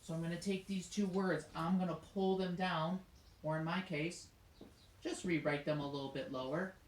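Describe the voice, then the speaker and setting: A woman's voice: lowish voice, steady tone, moderate pace, slight background noise. A woman teaching a children's music lesson, explaining each step in an encouraging way and singing short demonstrations. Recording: echoey room.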